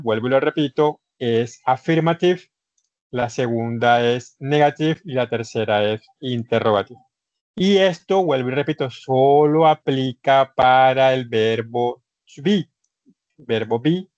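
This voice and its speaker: A man's voice: mid-range voice, measured pace, a little mellow, no echo, lo-fi sound. A man with a Colombian Spanish accent teaching an online English class. He explains grammar step by step, repeats his points and addresses the students formally.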